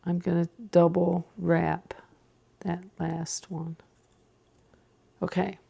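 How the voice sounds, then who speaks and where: A woman's voice: lowish voice, level tone, slow pace, creaky, dark tone, husky. A woman hosting a casual knitting tutorial, chatting to herself as she works a sock machine, sometimes dropping to a whisper. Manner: chatty, talks to herself while working, drops to a whisper at times. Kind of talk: casual how-to demonstration.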